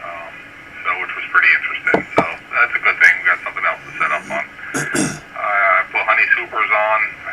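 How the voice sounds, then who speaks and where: Radio check-in: man, low voice, halting, distant and buried in radio static. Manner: halting, many fillers. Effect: heard over a two-way radio with static. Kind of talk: casual on-air chat. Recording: distant, hissy radio transmission.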